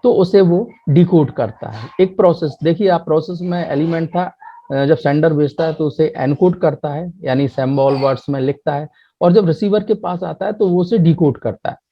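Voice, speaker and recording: Husky man teaching a lecture. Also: fairly high pitch. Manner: explains step by step, reads English definitions slowly. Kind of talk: classroom lecture. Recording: muffled lo-fi mic.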